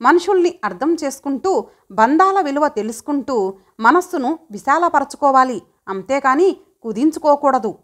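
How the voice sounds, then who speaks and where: A woman's voice: sits high, lively intonation, normal speed. A woman voicing a caring middle-aged mother who lectures her son in a pleading tone.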